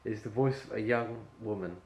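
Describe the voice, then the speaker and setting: Rambling low-voiced man directing an actor. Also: a little fast, creaky. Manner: rambling, heavy on fillers like "like". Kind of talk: coaching an actor at an audition. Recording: echoey room with faint ambience.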